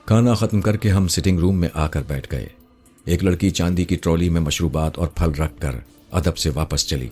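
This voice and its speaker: A man reads a first-person story aloud in a measured, dramatic way. His voice is very deep and husky. Faint music plays underneath. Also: a little mellow. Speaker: narrator.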